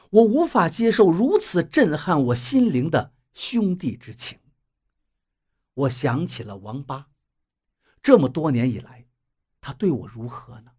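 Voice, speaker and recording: A man's voice: darkish tone, breathy edge. A man narrating a suspense novel as an audiobook, with dramatic storytelling. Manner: dramatic storytelling with wide pitch swings.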